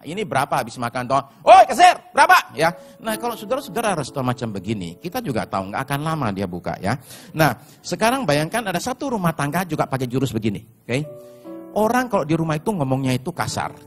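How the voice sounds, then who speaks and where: A man preaching a sermon as pastor, telling stories and addressing the congregation directly, sometimes shouting in put-on voices. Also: mid-range voice.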